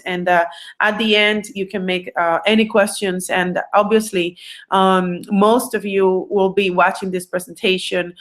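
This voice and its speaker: Earnest but full of fillers and restarts, this Puerto Rican woman runs an online recruiting training as a coach. Spanish is her first language, she has a Puerto Rican Spanish accent, and her pitch is medium.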